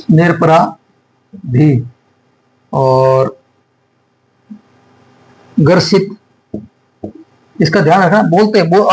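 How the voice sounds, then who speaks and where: A man teaching an exam-prep grammar lesson, slowly repeating and dictating words for students to write. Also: high voice, rough recording.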